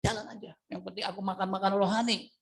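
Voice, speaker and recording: A man preaching a lively sermon, joking, acting out little scenes and calling on the congregation to answer. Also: high-pitched, quick pace, creaky. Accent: Indonesian. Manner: animated, jokey, acts out little scenes, calls on congregation. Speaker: pastor.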